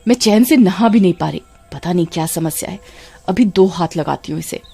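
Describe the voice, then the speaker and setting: Woman putting on a shrill cruel aunt. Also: animated, brisk, creaky, warm tone, husky, faint music behind, exaggerated voice. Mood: irritated. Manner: scolding, wailing when hurt. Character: cruel shrill young aunt, short-tempered. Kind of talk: animated storybook voice acting.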